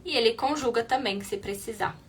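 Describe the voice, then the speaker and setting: A woman's voice: on the high side, fairly quick, slight background noise. A Brazilian woman teaching an English lesson, explaining patiently and checking in with her students often. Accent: Brazilian Portuguese. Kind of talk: online language lesson.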